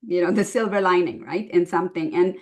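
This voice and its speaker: Here the same kind of speaker, a Swedish nutritionist in her fifties, chats as a podcast guest, laughing frequently and filling her story with fillers. Her voice is lowish and fairly quick, with fairly even intonation.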